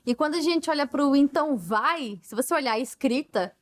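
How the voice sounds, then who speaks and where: A woman's voice: sits high, expressive, a little fast, a crowd in the background. A Brazilian woman hosting a Bible study podcast, talking in an earnest, emphatic, teaching way. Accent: Brazilian Portuguese. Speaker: podcast host.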